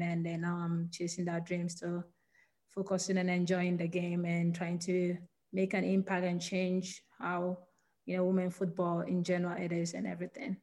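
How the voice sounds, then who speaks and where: A woman's voice: fairly low pitch, darkish tone. A woman in her twenties from Ghana, with a Ghanaian accent touched by American English, answering podcast questions earnestly with many fillers and restarts. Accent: Ghanaian with American influence. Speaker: professional footballer guest. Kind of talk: podcast interview.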